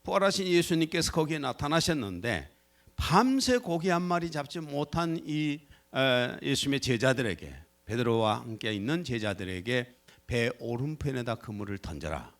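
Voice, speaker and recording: A man preaching a Sunday sermon as pastor, talking animatedly and acting out quoted lines. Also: normal speed. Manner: animated, acts out quoted lines with shifts in pitch and loudness. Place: church sanctuary.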